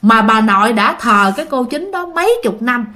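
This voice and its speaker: A woman's voice: fairly high pitch, expressive, normal speed, sharp tone. A woman with a Southern Vietnamese accent casually telling a ghost story, chatting directly to her listeners.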